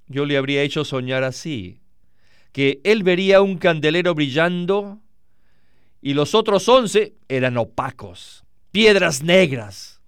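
A man preaching a sermon in a high, slow, carefully paced voice. He is earnest and emphatic and speaks directly to his listeners. His tone is clear and smooth, recorded dry and close. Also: dry recording.

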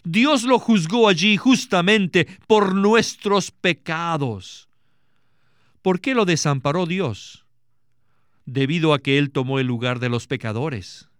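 A man's voice: a little high, slow pace, fairly bright tone, smooth, dry recording, clean studio sound. A man interpreting a sermon with an earnest, preaching cadence.

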